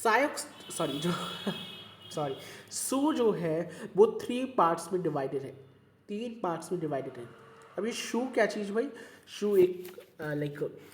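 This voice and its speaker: A man's voice: high voice, big pitch swings, measured pace, slight background noise. A man teaching an online class, mixing Hindi and English, repeating points and checking in with students often. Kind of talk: online class explaining a story.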